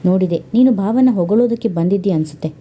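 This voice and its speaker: A woman's voice: medium pitch, quick pace, close to an everyday voice. A woman voicing a bitter, sarcastic young wife in an audio story. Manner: sharp, sarcastic.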